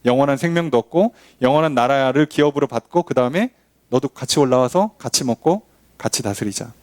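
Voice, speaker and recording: A man's voice: mid-range voice, fairly quick, dry recording. A male pastor preaching a sermon, asking the congregation rhetorical questions. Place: church.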